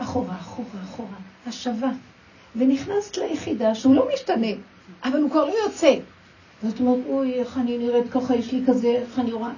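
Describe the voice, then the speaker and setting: A woman's voice: a little high, dark tone. A woman teaching a spoken religious lesson, telling personal stories and acting out quoted dialogue as she talks straight to her listeners. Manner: storytelling, acts out quoted dialogue, addresses listeners directly. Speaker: religious women's class teacher. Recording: dull, roomy recording from a distance.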